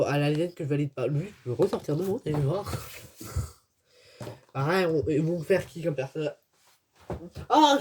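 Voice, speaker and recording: In a noisy clip full of clicks and crinkling packaging, a woman with a low-pitched, slightly mellow voice vlogs as she unboxes an advent calendar. She chats casually, grumbles in exasperation, and laughs in between.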